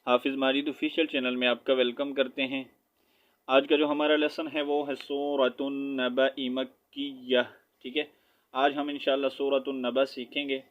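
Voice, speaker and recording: A man with a Pakistani Urdu accent teaching Quran recitation online, patiently spelling out syllables and reciting slowly with frequent "theek hai". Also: mid-range voice, level tone, narrow, tinny audio.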